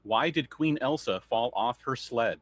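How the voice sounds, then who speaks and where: A man's voice: medium pitch, expressive, a little slow, no room sound. A man co-hosting a casual podcast chat, reading dad jokes aloud and laughing often. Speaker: podcast co-host.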